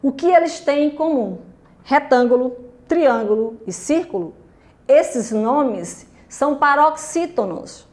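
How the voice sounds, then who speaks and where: A Brazilian woman teacher walks young pupils through a grammar exercise in a recorded lesson. Her voice sits a little high for a woman. She speaks slowly and patiently and keeps checking in with short questions. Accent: Brazilian Portuguese. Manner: slow and patient, checking in with "tudo bem?" and "ok?". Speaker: primary school teacher.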